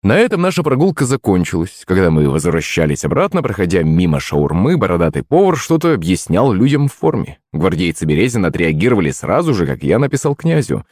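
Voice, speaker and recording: Lively low-voiced male audiobook narrator. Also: a little fast, few pauses, no echo, clean studio sound. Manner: expressive, voices the characters. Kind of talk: scripted first-person audiobook narration.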